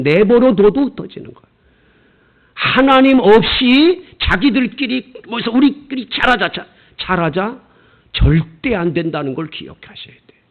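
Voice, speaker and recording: A middle-aged male pastor giving a folksy, animated sermon in a lively way, playfully imitating regional speech. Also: high-pitched, vocal fry, narrow, tinny audio. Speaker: senior pastor.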